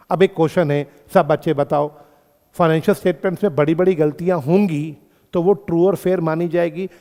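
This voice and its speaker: A male accountancy teacher giving a classroom lecture, firing questions at his students, calling them his kids and friends, and repeating key phrases slowly. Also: sits high, a little mellow, in a large hall. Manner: addresses students as beta and friends.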